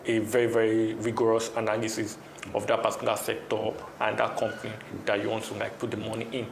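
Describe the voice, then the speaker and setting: Creaky low-voiced young Nigerian man, fairly flat. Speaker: interview guest, trading competition participant. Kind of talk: casual interview answer. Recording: echoey room, faint noise.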